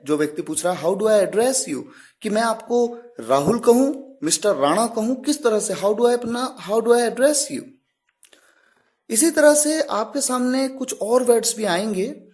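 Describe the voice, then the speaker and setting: A man teaching English grammar. He explains slowly and deliberately, stops on each example word and keeps asking the listener questions. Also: sits high, a little mellow. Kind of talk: classroom explanation.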